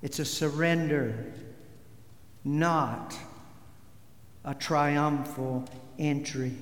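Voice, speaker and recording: A male pastor delivers his sermon at an unhurried pace, pressing emphatic words. His slightly raised voice carries through a roomy sanctuary with a long, lingering reverb. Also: fairly high pitch. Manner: slow, deliberate preaching with emphatic stresses. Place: church sanctuary. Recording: echoey hall with long reverb.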